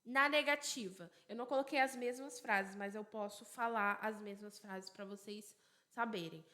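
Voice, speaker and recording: Bright-voiced woman teaching English grammar. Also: fairly high pitch. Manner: explains slowly and repeats examples, asks herself questions aloud. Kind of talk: bilingual grammar lesson.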